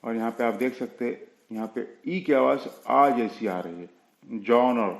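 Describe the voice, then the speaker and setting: A man teaching a spoken language lesson, explaining slowly and patiently and spelling words out letter by letter. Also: medium pitch, expressive, vocal fry, reverberant, low-quality recording. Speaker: English teacher.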